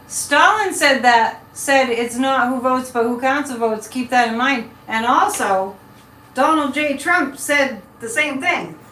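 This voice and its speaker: Chatty psychic lady on a livestream, rambly, bright voice, echoey and kinda far from the mic. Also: high-pitched, lively intonation, slow pace. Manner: rambling, breaks off mid-thought, chatty. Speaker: live show host and psychic. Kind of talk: casual live chat with viewers, giving psychic impressions. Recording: echoey room, distant mic, faint noise.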